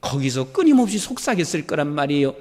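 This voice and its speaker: A male pastor preaching a sermon, emphatic and rising to shouted declarations. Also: on the high side, very animated, fast, long reverb tail.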